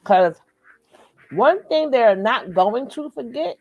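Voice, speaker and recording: A woman's voice: fairly high pitch, lively intonation, slow pace, creaky, no room sound, lo-fi sound. A woman hosting a live reaction stream, talking emphatically and repeating her points like a lecture. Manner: emphatic, preachy, repeats phrases for effect. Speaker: commentary host.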